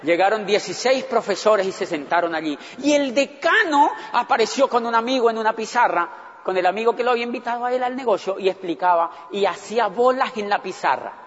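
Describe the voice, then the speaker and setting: Guy telling his story on stage, pretty high voice, kinda muffled and echoey. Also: a little fast. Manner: animated, acts out his own past thoughts. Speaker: motivational speaker. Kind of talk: storytelling talk to an audience. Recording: dull, echoey hall recording.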